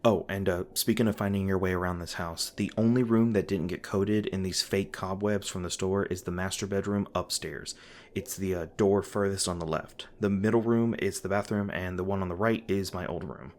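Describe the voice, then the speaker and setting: In this audio roleplay, a voice actor gives a natural, somewhat dark, steady performance at a moderate pace as a gawky young monster hunter. He sounds low and unsure, fumbling his words while looking out for the listener, over a faint hiss.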